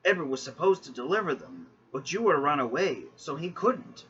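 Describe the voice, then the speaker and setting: A man doing a businesslike storybook harbor master who rattles off instructions. The voice is bright and lively, recorded dull and lo-fi with faint hiss. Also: on the high side, normal speed. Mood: brisk. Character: bossy male harbor master.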